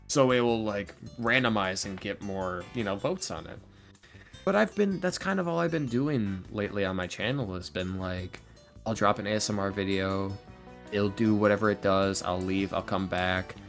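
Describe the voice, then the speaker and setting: Speaking in a fairly low, slightly bright voice, this ASMR roleplay audio creator opens up as a podcast guest. His interview talk is casual and candid, earnest and confiding, with a self-deprecating streak.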